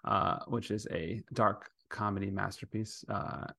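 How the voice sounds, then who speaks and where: A man with a lowish voice and plenty of vocal fry hosts a podcast. His delivery is casual and conversational. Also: little pitch movement, a little slow, bright, forceful tone, no echo, clean studio sound. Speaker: podcast host. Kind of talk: casual, chatty hosting.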